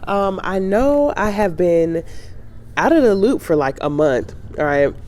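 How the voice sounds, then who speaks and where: A travel vlogger in her thirties chats to camera in a reflective way, full of fillers and restarts. Her voice is congested and nasal as she gets over a sinus cold. It sits at medium pitch with a sing-song lilt, a slightly slow pace and a somewhat mellow tone.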